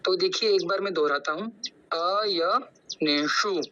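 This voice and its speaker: A man's voice: sits high, bright, forceful tone, highs cut off, slight background noise. A young man on a video call in an online class, carefully teaching Sanskrit pronunciation and drawing out each syllable to repeat it. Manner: slow, drawn-out syllables repeated for practice. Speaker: student explaining Sanskrit pronunciation.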